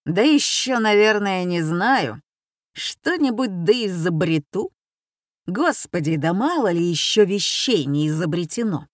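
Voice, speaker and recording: A woman's voice: lowish voice, lively intonation, measured pace, no room sound, clean studio sound. A woman voicing a pompous, easily flustered retired captain and father. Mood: boastful. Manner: pompous, blustering.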